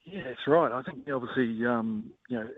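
A man giving casual, measured sports analysis as a guest coach, often pausing with filler phrases. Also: mid-range voice, slightly rough, no echo. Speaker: rugby coach as guest pundit. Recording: narrowband phone-like line.

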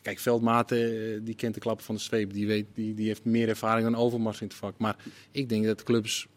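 A man's voice: lowish voice, level tone, fairly quick. A middle-aged man, a former head coach, giving emphatic opinions in a casual football discussion.

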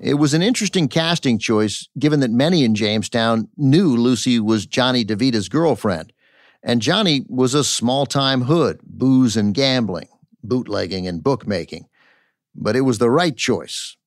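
A man's voice: mid-range voice, expressive, moderate pace, no room sound, clean studio sound. A man hosting and narrating a scripted audio documentary. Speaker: podcast host and narrator. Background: faint music.

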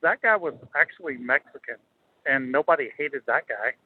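A man's voice: mid-range voice, moderate pace, slightly rough. A man chatting casually as a caller to a radio show over the phone. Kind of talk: casual chat. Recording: thin phone line.

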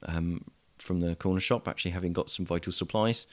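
A hesitant English man hosting a podcast over a video call. His voice sits a little low, and he fills his sentences with ums and restarts as he chats. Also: steady tone, a little fast. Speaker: podcast host. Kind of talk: casual chat.

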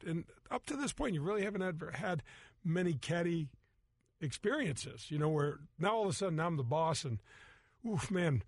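Man, middle-aged golf show host, slightly high voice, dry close mic, casual storytelling. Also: no room sound. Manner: storytelling, animated quoted voices. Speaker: golf show host, former tour pro. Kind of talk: casual radio show chat.

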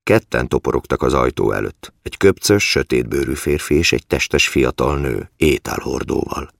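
Deep deep gravelly guy reading an audiobook, matter-of-fact, dry sound. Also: lively intonation, dry recording. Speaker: narrator. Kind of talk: audiobook narration.

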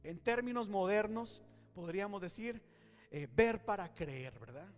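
A male pastor preaching a sermon in a church, swinging between loud and hushed. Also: sits high, measured pace, in a large hall, soft background music.

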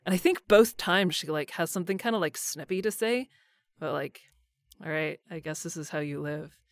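In a dry recording, a woman whose voice sits low speaks at a moderate pace as an interview guest. She's a voice actor in casual cast chat, her phrasing informal, loose, and hesitant, leaning on "like" throughout.

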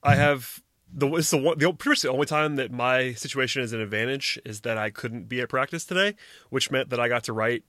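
A man's voice: mid-range voice, fairly quick, bright, forceful tone, dry recording. Man hosting a sports podcast, dry sound. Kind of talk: casual sports talk.

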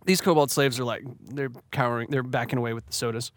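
A man's voice: mid-range voice, fairly even intonation, quick pace, no echo. A man running a tabletop game as dungeon master, joking and laughing often as he narrates.

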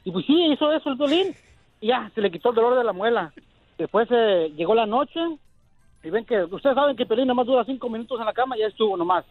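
A man's voice: extremely high pitch, lively intonation, fast, faint music behind. Man telling jokes over a tinny phone line. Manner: chatty, rambling storyteller.

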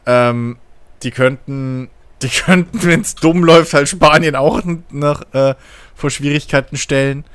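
A man's voice: fairly high pitch, steady tone, unhurried, a bit bright, clear, resonant tone, dry recording. A man chatting casually about football as a podcast co-host, hesitant, with many fillers and restarts.

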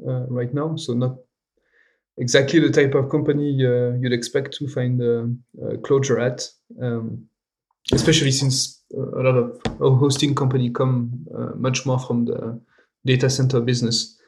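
Gravelly-voiced man, hesitant. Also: medium pitch, level tone, normal speed, darkish tone. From Switzerland. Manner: hesitant, many fillers, laughs easily. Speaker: guest, cloud company co-founder. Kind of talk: casual podcast conversation.

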